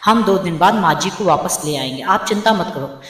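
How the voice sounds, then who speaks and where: Woman doing a soft young daughter-in-law, pleading, storybook voice in an echoey room. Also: lowish voice, animated, moderate pace, natural voice. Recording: roomy with long reverb.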